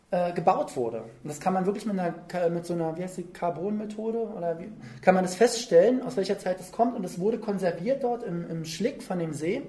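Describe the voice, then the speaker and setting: A preacher talks through a Bible passage in a loose, chatty way, painting the scene with lively storytelling. The delivery is informal and full of small check-in questions to the listeners. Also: medium pitch. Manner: conversational, vivid storytelling with tag questions. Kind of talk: sermon.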